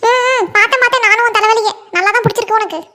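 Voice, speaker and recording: A voice actor playing a scolding older village mother-in-law in a cartoon comedy, nagging and shrill. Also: fairly even intonation, very fast, pushed and bright.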